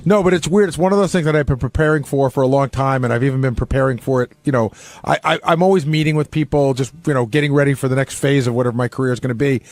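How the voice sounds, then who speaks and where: Speaking very fast into a close mic in the radio studio, this man, a radio producer, keeps reworking his sentences as he talks unscripted and casually. His mid-range voice is a little mellow, with no echo.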